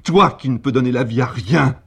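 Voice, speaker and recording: A man's voice: animated, fairly quick, slightly rough, full character voice. A man reading as a raging betrayed sculptor. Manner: swings from low murmurs to shouted outbursts. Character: enraged betrayed male sculptor, violent and despairing. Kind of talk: dramatic literary reading.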